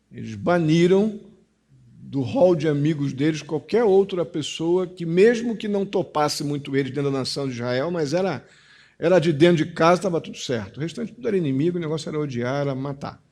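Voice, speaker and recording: A man with a Brazilian Portuguese accent, a pastor preaching a sermon, stressing key phrases and then dropping to a quiet, confiding tone. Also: on the high side, creaky.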